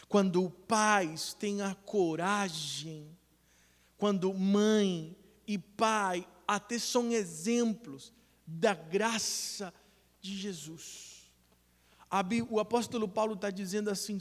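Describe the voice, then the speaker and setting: A man preaches a sermon in a high voice, earnest and storytelling, often voicing the people in his stories. The sound has the long ringing reverb of a church hall. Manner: earnest preaching with retold dialogue, rising to loud emphasis. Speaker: pastor.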